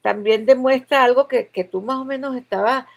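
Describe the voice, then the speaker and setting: Gravelly-voiced woman hosting a livestream. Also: high voice, normal speed. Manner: chatty, relays news, hesitant fillers. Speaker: interview host. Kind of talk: live stream interview.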